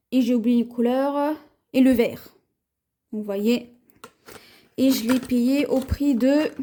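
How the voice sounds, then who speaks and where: A French woman talks through her shopping haul at an easy, unhurried pace, pausing often with fillers. Her voice sits high but sounds soft and mellow. It has the homey feel of a casual vlog. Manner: slow, chatty, hesitant with many fillers. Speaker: haul vlogger. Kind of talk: casual haul video, showing items to camera.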